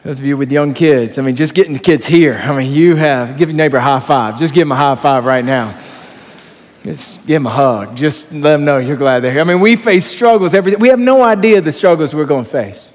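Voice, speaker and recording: A man preaching a sermon as pastor, telling stories in a conversational, animated way to his congregation. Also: on the high side, a little fast. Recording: long hall reverb.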